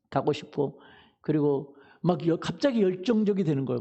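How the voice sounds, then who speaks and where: A man's voice: on the high side, creaky, dark tone, breathy edge. A male pastor preaching a Sunday sermon in a church, telling a story and asking the congregation questions that he answers himself. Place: church sanctuary.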